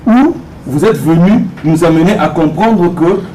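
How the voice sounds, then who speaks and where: A man's voice: on the high side, lively intonation, a little slow, warm tone, a little hiss or hum, poor audio. A man from Congo, a soldier, putting pointed, insistent questions to a politician at a public meeting. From Democratic Republic of the Congo.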